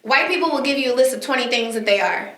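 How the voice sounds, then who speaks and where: Bright-voiced opinionated woman co-host. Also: sits high, fast. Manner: opinionated, rhetorical questions. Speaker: podcast co-host. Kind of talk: casual discussion. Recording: echoey room.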